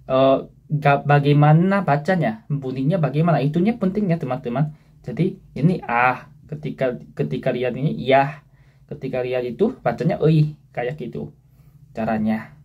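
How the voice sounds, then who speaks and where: A man from South Korea with a Korean accent gives a casual, friendly language lesson. He says words slowly and repeats them for learners. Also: mid-range voice, narrow, tinny audio. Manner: friendly, addresses viewers as friends.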